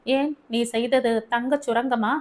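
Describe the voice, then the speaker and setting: A woman's voice: a little high, steady tone, measured pace, natural voice. A woman reading an audiobook story, voicing an arrogant, irritable rich young husband who scolds his wife in a raised, emphatic voice. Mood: angry, scolding.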